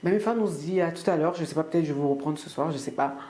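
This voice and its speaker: A woman's voice: deep voice, very fast, mellow. A woman from France chatting casually to camera in her weekly vlog, rambling with many fillers and restarts. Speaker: vlogger.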